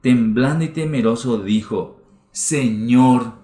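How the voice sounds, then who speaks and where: A man's voice: mid-range voice, normal speed. A man preaching a sermon as pastor, stressing his points by repeating phrases. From Paraguay. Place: church hall. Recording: roomy church livestream.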